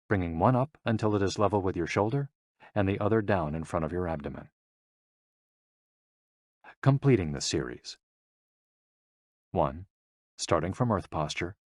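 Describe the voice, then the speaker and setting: Male audiobook narrator, deep voice, calm and measured, dry close sound. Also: dry recording. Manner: calm, measured reading of instructions and explanations.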